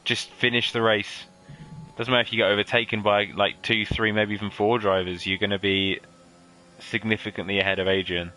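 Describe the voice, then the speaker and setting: Bright-voiced male race commentator, lively. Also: on the low side, fairly quick. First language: English. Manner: lively, playful banter, excited at overtakes. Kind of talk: sim racing commentary.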